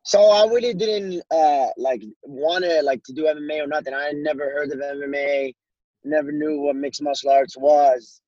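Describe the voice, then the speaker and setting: A young man from Morocco, a fighter, talking loosely and haltingly in a casual interview, with lots of "like"s. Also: a little high, steady tone, dark tone, dry recording, dull audio. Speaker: guest fighter.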